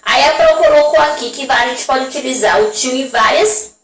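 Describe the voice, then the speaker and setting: Brazilian woman teacher, high voice. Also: faint music behind. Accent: Brazilian Portuguese. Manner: slow, drawn-out pronunciation of example words; frequent checking tags to the class. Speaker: primary school teacher. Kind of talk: recorded classroom lesson for young children. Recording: echoey room, voice from a distance.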